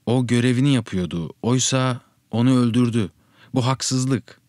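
A man's voice: medium pitch, normal speed, no echo, lightly acted. A man reading the lines of a tender-hearted young boy in a told story, earnest and pleading, in a dry, close recording. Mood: upset. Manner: pleading, earnest, rising to shouts.

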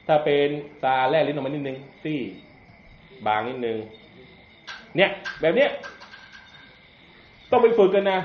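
A man giving a relaxed Islamic lecture in a mosque hall. He jokes with the audience and sounds out letters to demonstrate pronunciation. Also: fairly high pitch, a little hiss or hum. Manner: joking, conversational, demonstrates pronunciation aloud. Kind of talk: religious lecture. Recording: echoey, dull lo-fi hall recording.

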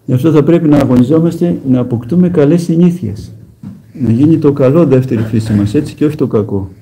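A man preaching a conversational sermon as an Orthodox monk, telling stories with gentle humor and speaking straight to his listeners. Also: medium pitch, a little hiss or hum, poor audio. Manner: plain storytelling with gentle humor; emphatic direct address to listeners.

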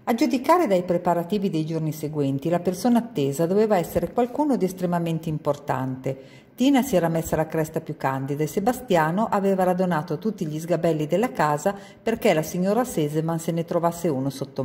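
A woman reading a children's book aloud in a calm, measured storytelling manner. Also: lowish voice, long reverb tail. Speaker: reader.

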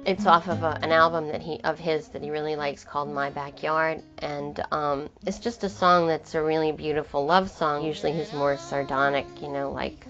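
A woman singer-songwriter with a low-pitched voice talks casually in an interview, circling back and restarting her thoughts as she goes. The sound is muffled and lo-fi, with guitar music playing clearly underneath. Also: fairly even intonation, normal speed, few pauses. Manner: rambling, frequent restarts and trailing thoughts. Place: in New York.

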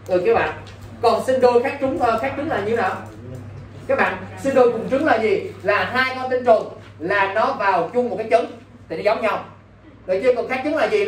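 A male English teacher, giving an exam-prep lesson and constantly quizzing his students. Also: high voice. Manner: quizzing, keeps asking "got it?". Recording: roomy, distant mic, faint background noise.

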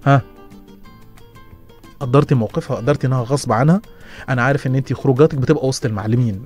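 A middle-aged man with an Egyptian accent, hosting a casual radio advice show and answering listeners, with quick restarts and lively asides. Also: medium pitch. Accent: Egyptian Arabic. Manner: fast, lively, stumbling restarts and laughs. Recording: radio studio with faint music behind.

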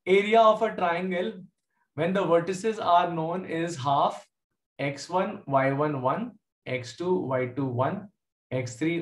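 A man with a South Indian accent teaching a live online maths lesson, informally questioning students and calling on them by name. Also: high-pitched. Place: indoor room, online class from a computer. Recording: echoey room.

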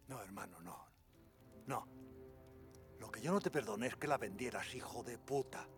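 Slow, bitter, haunted Spanish man. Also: lowish voice, lively intonation, soft background music. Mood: accusing, taunting. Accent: Spanish, from Spain. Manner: slow, insinuating, taunting, with haunted weight. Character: bitter, mocking drunken man haunted by what he witnessed. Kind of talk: film drama acting.

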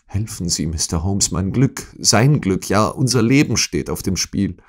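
A man's voice: low voice, animated, unhurried, a little mellow, pitched above the performer's own voice, exaggerated voice. Man voicing a pleading distraught noblewoman. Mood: desperate. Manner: pleading, breathless, emotional. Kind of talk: audiobook character reading.

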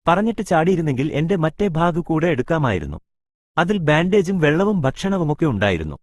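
A man narrating a short story in the first person, his pitch rising and falling in lively, animated arcs. The delivery is expressive and measured, recorded dry and close with no room sound. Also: no room sound.

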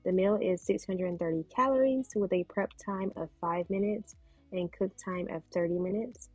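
Breathy woman narrating a cooking video. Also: medium pitch, moderate pace, no echo, soft background music. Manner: calm, step-by-step explaining. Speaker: cooking vlogger.

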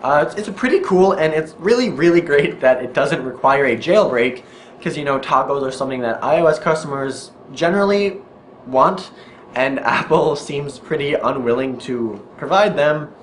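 A man's voice: on the high side, animated, normal speed, slight background noise. A young man hosting a weekly tech news video, chatty and upbeat, joking about himself now and then. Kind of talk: casual tech news vlog. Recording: roomy echo with faint music.

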